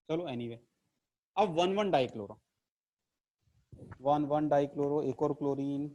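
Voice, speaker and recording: A man's voice: on the high side, a little mellow. A man teaching an online chemistry lesson to camera in a playful, theatrical way, teasing his class. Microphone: camera mic.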